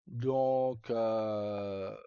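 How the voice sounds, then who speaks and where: Speaking very slowly in a steady, clean, lowish voice, a man streams to live viewers in a casual, rambling, hesitant way, using colloquial speech and occasional swearing. The sound is dull and lo-fi, with room echo.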